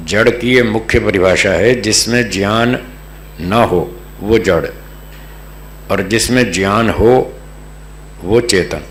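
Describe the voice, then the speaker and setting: A man from Delhi giving a religious philosophy discourse as a spiritual teacher, patient and explanatory, repeating key terms. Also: lowish voice. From Delhi, North India. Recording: echoey hall with faint hum.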